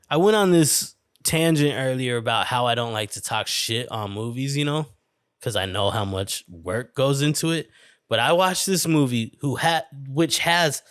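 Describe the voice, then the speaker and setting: A man's voice: mid-range voice, clean tone, no room sound, clean studio sound. Rambling, profane man on a podcast. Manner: rambling, profane, lots of fillers and restarts. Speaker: podcast host. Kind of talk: casual solo podcast rant. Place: indoor room with a window.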